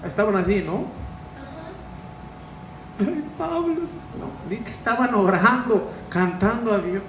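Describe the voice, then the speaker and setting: A man gives an informal Bible-study sermon in a high voice, often turning to his listeners with questions. The room rings with a roomy echo. A faint background noise runs underneath. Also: distant mic. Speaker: preacher.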